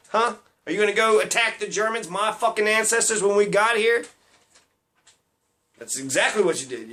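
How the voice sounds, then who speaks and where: A man with a noticeably high voice delivers a loose, profane rant. He rambles from point to point with a sarcastic edge and swears constantly. He laughs at his own jokes as he goes. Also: fairly bright tone. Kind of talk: profane ranting monologue.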